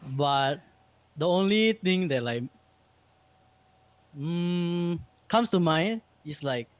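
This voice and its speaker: Higher-voiced man, casual. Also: animated, very slow, no room sound. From Singapore. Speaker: guest in the chat. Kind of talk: casual chat.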